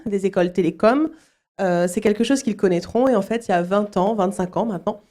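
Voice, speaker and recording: A middle-aged woman who directs a school answers interview questions at a student fair. She sounds hesitant, often pausing with fillers and restarting her sentences, in a mellow, medium-pitched voice.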